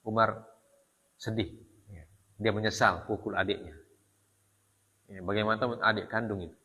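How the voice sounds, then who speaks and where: A man's voice: lowish voice, sharp tone. A man preaching a storytelling sermon, told with animation, rhetorical questions and a frequent "ya". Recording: long reverb of a hall.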